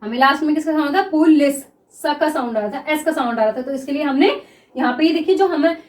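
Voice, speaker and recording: A high-pitched woman gives a classroom lesson, drawing out example words as she writes them and checking in with her students again and again. The room rings with a noticeable echo. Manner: repeats words slowly while writing, asks 'clear?' often. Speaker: shorthand teacher.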